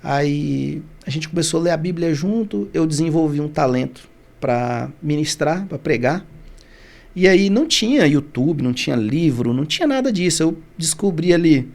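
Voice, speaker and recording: A man's voice: fairly high pitch, lively intonation, normal speed, creaky, darkish tone. A Brazilian man, a guest on a podcast, telling a personal story with emotion, often restarting his sentences and acting out the voices of the people in it. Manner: emotional retelling, many restarts, acts out quoted voices. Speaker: podcast guest, barbershop founder.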